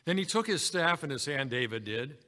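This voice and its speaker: A man delivers a sermon, reading scripture aloud and calling his listeners brethren. His voice is fairly high and bright, with a forceful edge. Long reverb from a big hall hangs behind every phrase. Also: expressive, fairly quick. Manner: reads scripture aloud, addresses congregation as brethren. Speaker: preacher.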